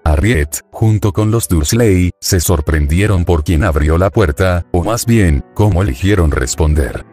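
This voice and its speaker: A man reading a fan fiction story aloud as its narrator, in a steady, even manner of scripted narration. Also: low-pitched, unhurried, hardly any pauses, soft background music.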